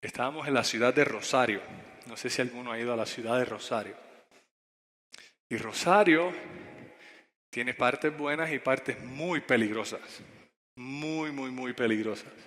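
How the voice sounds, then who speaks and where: A male preacher giving a sermon, telling a story to young people and speaking straight to them with questions. His voice is bright and forceful, and it rings with a long hall reverb. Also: mid-range voice, unhurried, pauses often. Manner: direct, addresses the audience with questions.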